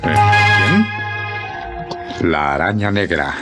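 Gallant calm hero, old radio drama, low voice, dignified. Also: male voice, drawn-out words, loud music behind the voice, full character voice. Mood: startled. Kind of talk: radio serial acting.

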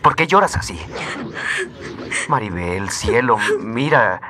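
Stammering, anxious tender lover. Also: male voice, fairly low pitch, animated, a crowd in the background. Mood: tender, worried. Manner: stammering, halting. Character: anxious, tender male lover, flustered and pleading. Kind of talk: melodramatic radio drama acting.

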